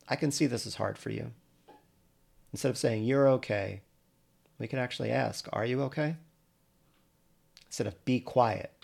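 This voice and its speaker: A man with a gravelly, creaky voice at an ordinary middle pitch talks through parenting tips. His delivery is scripted and measured. He sounds earnest and advising, like a coach speaking to parents. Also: a little mellow. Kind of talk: scripted podcast monologue.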